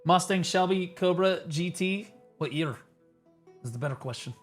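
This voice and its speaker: A man's voice: high-pitched, normal speed, soft background music. A man on a livestream headset mic, ranting sarcastically and swearing through casual game commentary. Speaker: livestream gamer.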